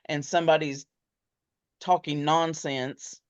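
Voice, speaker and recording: Woman, very low voice, dry close sound, muffled lo-fi, candid casual chat. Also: steady tone, slow, no echo. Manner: candid, dry humor, laughs easily. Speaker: podcast co-host. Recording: dull, slightly muffled sound.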